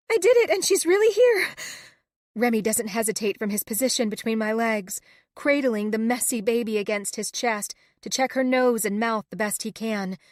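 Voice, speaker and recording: Expressive woman audiobook narrator. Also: a little high, dry recording, clean studio sound. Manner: emotional, expressive reading. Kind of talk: first-person audiobook narration.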